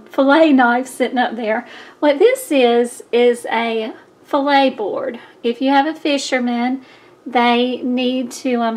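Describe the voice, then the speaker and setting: Middle-aged Southern woman, hoarse, losing her voice, chatty gift-craft host, slightly high voice. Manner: chatty, many fillers. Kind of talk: casual crafting tutorial.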